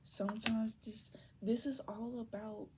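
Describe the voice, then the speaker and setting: A young woman giving a casual tarot reading to viewers, keeping her voice down and slipping between low talk and soft whispers. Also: flat delivery, measured pace, a little hiss or hum. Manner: holds her voice down on purpose. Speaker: tarot reader.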